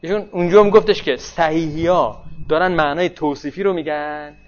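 A man teaching a class in a conversational way, often asking his students whether they follow. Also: on the high side. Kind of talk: classroom lecture. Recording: dull lo-fi recording.

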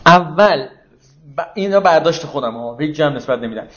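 A man with a fairly high voice teaches scripture in a relaxed, conversational way, often posing questions to his listeners. The recording is echoey and a little dull, like a lo-fi room recording. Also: slight background noise. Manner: conversational, explains with rhetorical questions to the audience. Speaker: religious teacher. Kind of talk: informal lecture on Quranic verses.

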